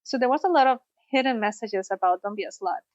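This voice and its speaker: A woman's voice: fairly high pitch, fast talker, darkish tone, no room sound, lo-fi sound. A woman from Costa Rica, a sex therapist, telling her story in a podcast interview. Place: studio, in person.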